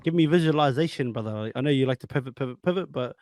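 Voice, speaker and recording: A man's voice: mid-range voice, fast, darkish tone, no room sound, studio quality. A man with a New Zealand accent hosting a casual interview, matey and slangy, often repeating his words. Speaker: podcast host.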